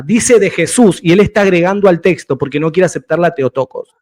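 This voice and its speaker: Insistent lecturing man in heated debate. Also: sits high. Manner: insistent, lecturing, interrupts often.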